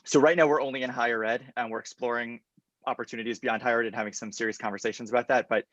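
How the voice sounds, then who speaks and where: A man, answering questions in a confident startup pitch, explaining point by point on a video call. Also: steady tone, rapid-fire, a bit bright, no room sound, dull audio. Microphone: computer mic on a video call.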